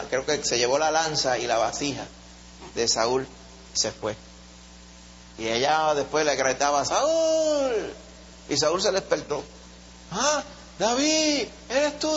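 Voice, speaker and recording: A man teaching a Bible study in a lively, storytelling way, in a muffled recording. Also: medium pitch. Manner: animated storyteller, acts out voices. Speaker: preacher. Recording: muffled recording with faint hum.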